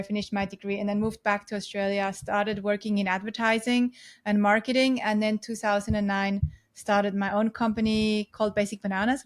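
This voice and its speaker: A woman in her forties with a Swiss accent speaks as a podcast guest. Her voice sits mid-range and she tells her story in a lively, chatty way. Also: mid-range voice. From Switzerland. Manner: lively, laughs often, chatty. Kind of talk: casual interview storytelling.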